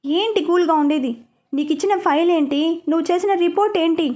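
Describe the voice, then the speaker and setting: A woman's voice: very high voice, a little fast, darkish tone. A woman voicing a strict young female team lead who scolds her colleague sternly. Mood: scolding.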